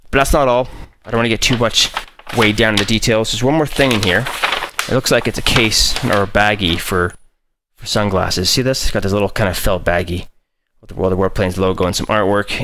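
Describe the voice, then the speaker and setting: A man's voice: fairly low pitch, fairly bright tone, dry recording. A young man hosting a casual unboxing vlog, talking enthusiastically and rambling with lots of fillers. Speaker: YouTube host.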